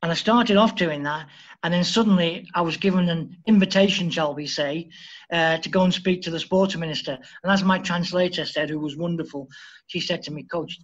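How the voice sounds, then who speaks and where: A man from Liverpool, a football coach telling lively anecdotes as a podcast guest and acting out the dialogue. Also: on the high side, fairly quick, muffled recording. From Liverpool, England. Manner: lively storyteller who acts out quoted dialogue. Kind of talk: anecdotal interview storytelling.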